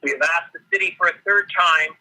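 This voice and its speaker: A man, a borough councillor, heard over a speakerphone as he reads a prepared statement to a council meeting in a formal, measured way. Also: fairly high pitch, pushed and bright, poor audio. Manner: formal, measured delivery of a written text.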